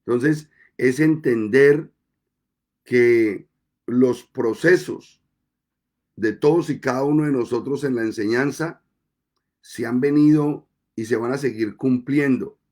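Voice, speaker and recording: A male pastor delivers his sermon at an unhurried, deliberate pace. His voice is mellow and dark-toned, and he lets pauses settle between phrases. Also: medium pitch. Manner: slow, deliberate preaching with measured pauses.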